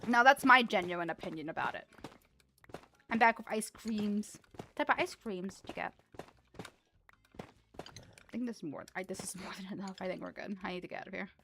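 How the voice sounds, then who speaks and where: A woman's voice: mid-range voice, moderate pace, gravelly, long pauses, pushed and bright, a little hiss or hum. A young woman streamer chatting casually while playing a game, rambling with frequent restarts and laughs. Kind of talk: casual livestream chat while gaming.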